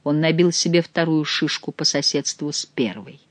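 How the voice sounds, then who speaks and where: An audiobook reader narrating a historical novel with expressive storytelling. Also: mid-range voice, moderate pace, no room sound.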